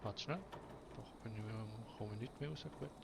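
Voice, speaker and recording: A man's voice: lowish voice, normal speed, heavy background noise. A man with a Swiss German accent giving casual let's-play commentary as a livestreamer, mumbling asides and talking to the game's cat. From Switzerland. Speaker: livestreamer playing a video game. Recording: game music playing clearly behind.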